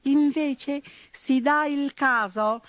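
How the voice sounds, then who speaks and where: A man voicing a small, petulant red mouse in a storybook, with a squeaky voice. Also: very slow, fairly bright tone, dry recording, studio quality, heavily acted.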